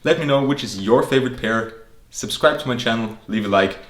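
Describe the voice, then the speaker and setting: A man's voice: mid-range voice, fairly quick, a bit bright. A man presenting casually to his viewers as a vlogger, recorded indoors at home. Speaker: sneaker collection vlogger. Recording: roomy echo, faint noise.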